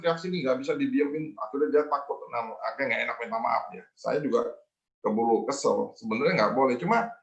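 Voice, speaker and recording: A debt collection manager, appearing as a guest speaker in a webinar, tells a work story full of fillers and repetitions. His voice is fairly high, and the video call audio is muffled and roomy.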